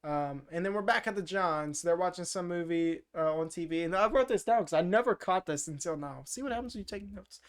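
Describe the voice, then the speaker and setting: A man's voice: high voice, a little fast, few pauses, clean tone. A man co-hosting a podcast, recapping a movie in loose, jokey, profane chat full of "uh" and "like". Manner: rambling, filler-heavy, profane, jokey. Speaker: podcast co-host.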